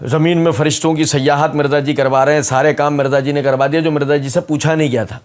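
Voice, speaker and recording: A man with a fairly high voice gives a polemical religious rebuttal. He is emphatic and leans into sarcasm and mockery as he argues. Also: steady tone. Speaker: religious speaker giving a rebuttal.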